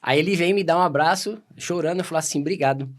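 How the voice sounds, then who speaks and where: A Brazilian man telling stories as a podcast guest, casual and animated, acting out quoted dialogue. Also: fairly high pitch. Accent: Brazilian Portuguese. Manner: animated, quick anecdotes full of quoted dialogue. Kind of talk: casual storytelling.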